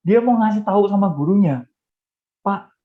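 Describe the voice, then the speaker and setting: A man's voice: fairly high pitch, fairly quick. A middle-aged man, a church counselor, answering a question in a webinar by telling stories and often speaking straight to his listeners. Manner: storytelling, often addressing listeners directly. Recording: dull lo-fi webinar audio.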